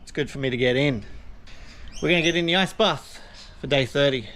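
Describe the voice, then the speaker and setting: A man's voice: mid-range voice, brisk, fairly bright tone. A man talking casually to camera as a vlogger. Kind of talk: casual vlog talk to camera. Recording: clear background noise.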